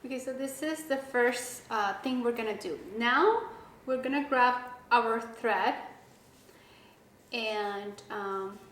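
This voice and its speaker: A woman giving a casual step-by-step craft tutorial, talking in a relaxed way with many fillers and restarts. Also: on the high side, takes it slowly. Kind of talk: casual how-to instruction. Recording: echoey room with faint background noise.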